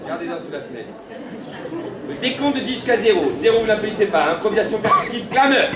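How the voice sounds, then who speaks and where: A man's voice: high voice, animated, fast talker, very noisy. A man speaking as a town crier, hosting a gathering with theatrical, declamatory and playful public proclamations. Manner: declamatory, playful, addressing the crowd. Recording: echoey, distant mic in a crowd. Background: crowd.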